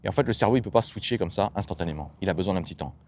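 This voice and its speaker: A man's voice: low voice, animated, very fast, darkish tone. A man giving an emphatic motivational monologue as a self-development coach, asking himself rhetorical questions and dropping blunt slang.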